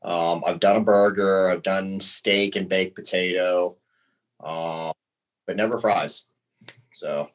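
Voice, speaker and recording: A man in his thirties with a very low voice, talking in an easygoing, unhurried way. He is a podcast guest who chats casually and slips in short laughs between thoughts. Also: low-quality recording. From United States. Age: 30s. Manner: relaxed, laughs between answers. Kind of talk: casual conversation.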